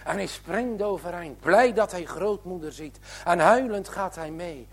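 Male reader, slightly high, husky voice, dramatic pacing for a religious children's tale. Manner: slow, dramatic storytelling with swings in loudness. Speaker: storyteller.

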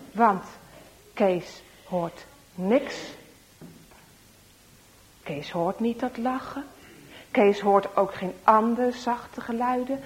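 Woman storyteller for kids: slow, fairly high voice, expressive, with whispered suspense. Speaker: storyteller for children. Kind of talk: children's story read-aloud.

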